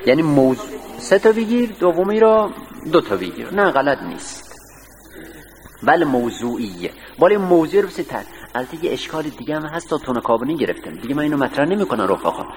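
A man's voice: on the high side, sing-song. A male seminary teacher giving a classroom lecture, reading a text line by line and putting questions to his students. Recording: distant voice with long hall reverb, faint hiss.

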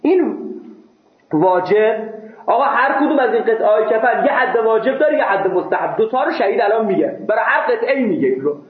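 A man's voice: high voice, lively intonation. A man teaching a seminary class. He reads a text phrase by phrase and explains each part plainly, sometimes with a joke. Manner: reads phrases aloud then explains them plainly, with jokes. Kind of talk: classroom text lesson, reading and translating. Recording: echoey room over a phone-like line.

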